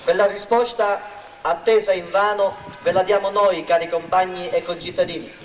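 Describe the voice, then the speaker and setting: A man giving a formal, oratorical political speech at a rally, declaiming to a public square. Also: sits high. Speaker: local party politician introducing a candidate. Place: outdoor town square rally. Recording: roomy, distant mic, faint noise.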